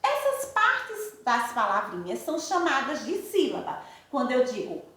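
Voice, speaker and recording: A Brazilian woman teacher giving a recorded lesson to young pupils, affectionate and sing-song, addressing them slowly and warmly. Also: high voice, wildly swooping pitch. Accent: Brazilian Portuguese. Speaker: primary school teacher. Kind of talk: recorded remote lesson for children. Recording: echoey room.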